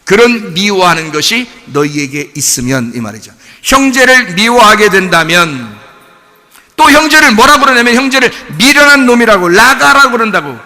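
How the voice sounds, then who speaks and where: A man preaching a sermon as pastor, animated, asking the congregation rhetorical questions. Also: high-pitched, moderate pace. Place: church sanctuary. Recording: long church reverb.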